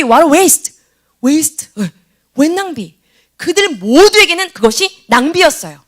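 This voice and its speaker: Woman, youth preacher, high voice, very animated, quizzes students, church service. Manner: animated, acts out scenes and questions students by name. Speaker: youth pastor. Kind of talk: youth sermon with audience questions.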